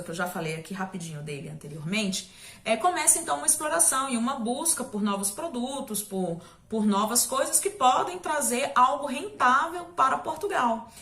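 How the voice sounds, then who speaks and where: A Brazilian woman with a fairly high, sharp-toned voice teaches a recorded history lesson in an echoey room. Her style is chatty and conversational, with frequent check-ins with students and small jokes.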